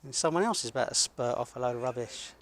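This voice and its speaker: Standing in a college car park, a British man who works as an independent videographer talks fast at medium pitch. He narrates to his camera and chats casually, sounding blunt and sure of himself.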